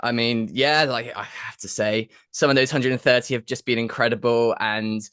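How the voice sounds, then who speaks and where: A man hosts a podcast, presenting and interviewing in an effusive, enthusiastic, informal way. His medium-pitched voice is clear, resonant, and fairly bright, with fairly even intonation at a normal speed. The recording is dry, with clean studio sound.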